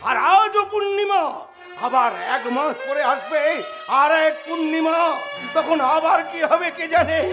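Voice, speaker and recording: An actor playing an old family servant who rambles and repeats himself in a theatrical stage delivery, in live folk-theatre acting. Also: male voice, very high voice, unhurried, lo-fi sound. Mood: foreboding. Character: old male family servant, rambling, eerie, thought drunk. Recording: live stage mic with loud music.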